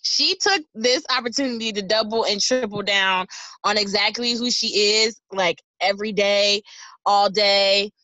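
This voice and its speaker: A woman's voice: medium pitch, unhurried, sharp tone, dry recording, low-quality recording. A woman co-hosting a podcast, speaking emphatically and repeating points for effect. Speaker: co-host. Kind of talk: casual podcast chat.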